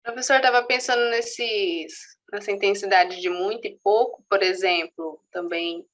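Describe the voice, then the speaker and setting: A woman's voice: mid-range voice, steady tone, measured pace, a bit bright. Female student, hesitant questioner, mid-range voice. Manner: hesitant, searching for words. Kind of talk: asking a question in class.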